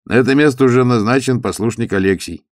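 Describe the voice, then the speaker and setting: A man's voice: mid-range voice, quick pace, no echo, clean studio sound, voice pushed up, natural voice. A man voicing a sturdy, middle-aged monk who is officious and pompous, lecturing and declaiming as if at a church service.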